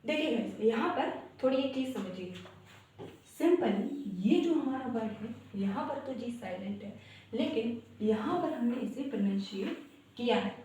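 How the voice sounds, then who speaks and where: A woman's voice: fairly high pitch, animated, moderate pace, mellow, slight background noise. A young woman teaching English pronunciation in Hindi. She spells each word out letter by letter and explains it step by step. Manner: explains step by step, spells words out letter by letter, keeps saying "guys". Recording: very echoey room, voice from a distance.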